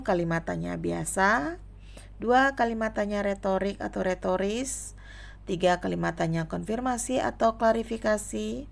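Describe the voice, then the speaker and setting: A woman's voice: fairly low pitch, gravelly. A young adult woman teaching a grammar lesson, listing examples one by one.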